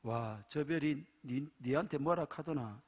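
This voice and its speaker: A man voicing a gruff, curt Gyeongsang-dialect husband in a joke, in a teasing, rough way. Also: on the high side, measured pace. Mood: mocking. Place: church sanctuary.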